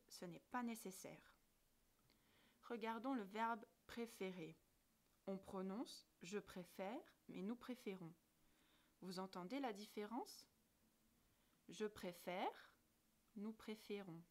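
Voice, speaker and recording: A woman narrates a scripted language lesson in a middle-pitched voice. She speaks slowly and deliberately, shaping each word with care. She pauses to spell out word endings letter by letter. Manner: slow, careful articulation, spelling out letters one by one. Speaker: French language teacher.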